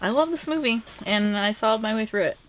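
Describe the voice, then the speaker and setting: A woman co-hosting a casual film chat, chatty, saying "like" a lot and laughing softly. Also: a little high, a little fast, slight background noise. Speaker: film show co-host.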